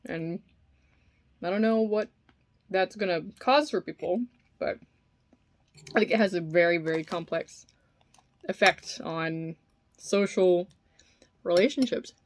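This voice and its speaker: A woman chatting casually and musing in a halting, informal way while eating, sometimes with her mouth full. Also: on the low side. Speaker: vlogger eating on camera. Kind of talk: casual rambling opinion talk while eating.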